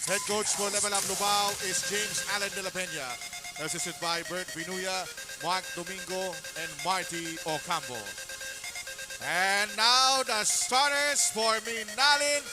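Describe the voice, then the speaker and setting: A man's voice: high voice, steady tone, unhurried. A man with a Filipino accent announcing sports line-ups in an arena, drawing out names with emphatic hype. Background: loud music.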